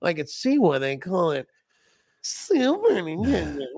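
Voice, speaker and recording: A man's voice: high-pitched, wildly swooping pitch, takes it slowly, a little mellow, husky, dry recording, clean studio sound. A man co-hosting a casual podcast, joking around and reading old magazine letters aloud in mock voices. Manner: jokey, reads letters in mock voices, laughs often. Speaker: podcast co-host.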